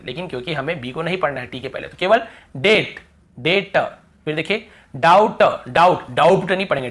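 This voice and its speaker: A man teaching English pronunciation in Hindi to viewers, repeating example words slowly and asking rhetorical questions, often dropping to a quiet voice. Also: a little high. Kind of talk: explaining pronunciation rules to viewers.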